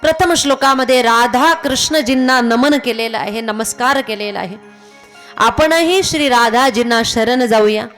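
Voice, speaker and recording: A woman giving a devotional discourse, telling a sacred story in measured tones and chanting verses. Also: fairly high pitch, a bit bright. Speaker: kirtan speaker. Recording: faint music behind.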